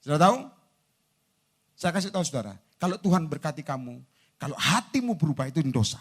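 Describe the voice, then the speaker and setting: A preacher with a fairly high, very animated voice that leaps up and down. He acts out little dialogues and swings between loud, pressing calls and quiet asides, preaching to a congregation in a large indoor hall. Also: fast, husky. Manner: acts out both sides of conversations, swings from loud to soft. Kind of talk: lively sermon.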